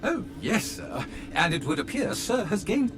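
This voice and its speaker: A man's voice: high voice, very animated, normal speed. A man voicing a polite, fawning male butler robot who is formal and obsequious and calls his master sir, in video game dialogue. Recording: game audio with background music.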